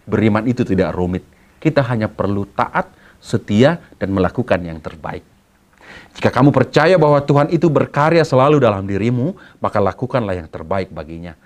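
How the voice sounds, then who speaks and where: A man with an Indonesian accent, a pastor giving a sermon to students and telling stories with a playful, lively manner. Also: on the low side, brisk. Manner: lively storytelling with acted quotes.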